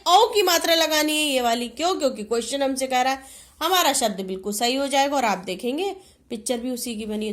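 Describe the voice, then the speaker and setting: High-voiced woman teaching small children. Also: fairly bright tone. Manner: asks questions and answers them herself, stretching words slowly. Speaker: kindergarten Hindi teacher. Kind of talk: online lesson for young children.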